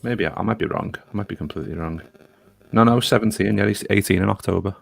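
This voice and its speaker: A man's voice: on the low side, quick pace, gravelly. A man co-commentating on a football watchalong, giving casual and somewhat tentative updates on the match.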